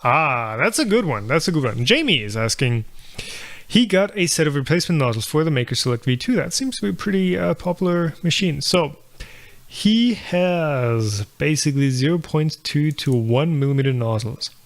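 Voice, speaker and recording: A man's voice: a little high, expressive, normal speed. A young man hosting a live viewer Q&A, thinking aloud with lots of fillers and restarts. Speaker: channel host answering viewer questions. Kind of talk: casual live Q&A about 3D printing.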